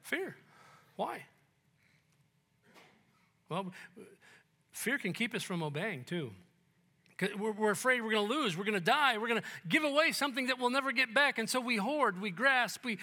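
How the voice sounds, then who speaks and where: A male pastor preaching a sermon in church, conversational and joking, dropping to hushed tones at times. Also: very high-pitched, animated, normal speed, pauses often. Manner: conversational and joking, with sudden soft, hushed quotes.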